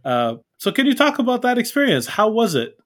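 A man's voice: very high voice, wildly swooping pitch, fairly quick, fairly bright tone. A man who grew up in Canada, hosting a podcast and chatting in a friendly, easygoing way, laughing easily and asking open questions. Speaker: podcast host. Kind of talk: casual interview chat.

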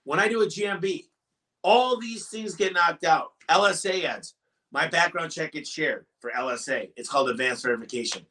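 Forceful, emphatic motivational businessman. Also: mid-range voice, recorded from a distance. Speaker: business owner guest. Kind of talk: podcast interview.

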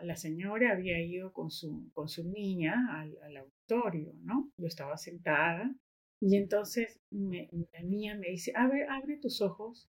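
A woman, a guest on a podcast, chatting casually and telling stories while tagging her sentences with little questioning asides. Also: on the low side. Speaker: guest, educator and activist.

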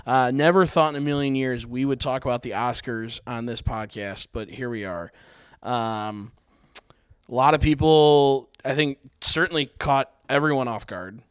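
A man hosting a casual podcast from a home garage, introducing segments in a relaxed, rambling way. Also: medium pitch, normal speed, clean tone, no echo, studio quality. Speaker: podcast host.

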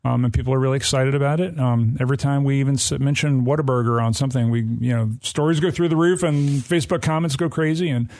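A man's voice: mid-range voice, fairly even intonation, a little mellow, low-quality recording. Laid-back guy hosting a chat show, lots of ums and yeahs, middle voice. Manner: easygoing, many fillers and quick agreements. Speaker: co-host. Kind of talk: casual chat.

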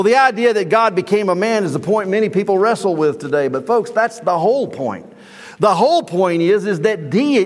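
A middle-aged man preaching a sermon as pastor, fervent and climbing high and loud when he stresses a point. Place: church sanctuary. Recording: reverberant hall.

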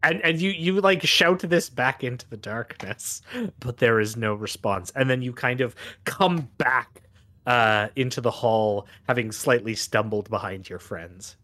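A man narrating a tabletop roleplaying game as game master, halting and pausing for drama. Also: mid-range voice, sharp tone.

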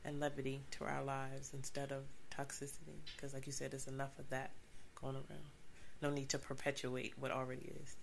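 A middle-aged mother guesting on a casual podcast, calm and measured, with a nasal voice from allergies. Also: rumbling low, gravelly, a little hiss or hum. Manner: calm, measured, gently advising. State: suffering from allergies. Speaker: guest co-host, host's mother.

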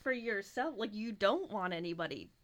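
A woman's voice: mid-range voice, lively intonation, moderate pace, a crowd in the background. A woman interviewing a guest, with short, supportive responses. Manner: brief supportive backchannels. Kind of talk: casual interview.

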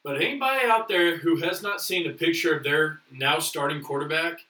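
A man's voice: a little high, brisk, bright, forceful tone. A man co-hosting a podcast, rambling through casual sports talk with lots of fillers. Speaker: podcast co-host. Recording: echoey room, distant mic.

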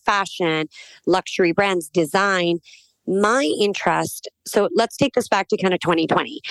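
A woman's voice: mid-range voice, no echo, poor audio. A woman in her forties with an American accent, raised in Pakistan, telling her story candidly as an interview guest. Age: 40s. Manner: candid and conversational, quick storytelling with fillers. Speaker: guest, agency founder. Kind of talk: casual interview conversation.

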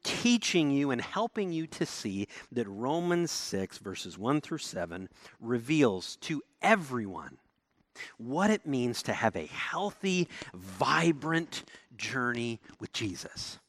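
Animated male preacher, dry close sound. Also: takes it slowly, dry recording. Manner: animated preaching, rising to emphatic declarations then dropping low. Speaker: pastor. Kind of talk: sermon.

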